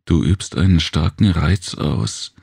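A man with a very deep voice playing a tired, gruff alien man with big ears in a storybook reading, talking in a weary, curt way. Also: slow pace, darkish tone, no room sound, studio quality, heavily acted.

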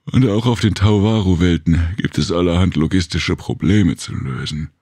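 A man with a very deep voice playing a tired, gruff alien man with big ears in a storybook reading, talking in a weary, curt way. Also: moderate pace, mellow, no echo, studio quality.

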